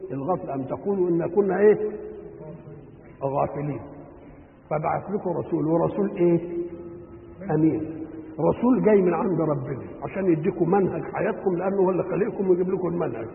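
A man's voice: high-pitched, vocal fry. A man with an Egyptian accent giving a Quran commentary lesson, who keeps asking questions and answering them himself. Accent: Egyptian Arabic. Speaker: religious teacher. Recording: tinny lo-fi recording with long hall reverb.

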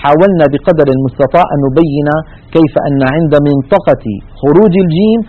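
Male tajweed teacher, quick and methodical, slightly high voice, lo-fi sound. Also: breathy edge. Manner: methodical, explains with spoken examples. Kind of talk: recorded lecture with slides.

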